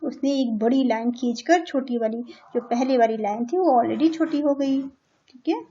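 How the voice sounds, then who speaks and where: A high-voiced Indian woman teaches young children English, going slowly over each sentence and translating it. She keeps checking in with the class in a patient, steady way. The recording sounds dull and lo-fi. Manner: patient, repeats and translates each line, checks with "theek hai". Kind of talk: explaining a children's English lesson in Hindi.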